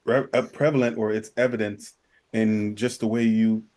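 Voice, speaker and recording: Lowish-voiced man hosting, halting delivery. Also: little pitch movement, a little mellow. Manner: halting, often repeats words as he searches for phrasing. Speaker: podcast host. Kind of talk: casual conversational interview.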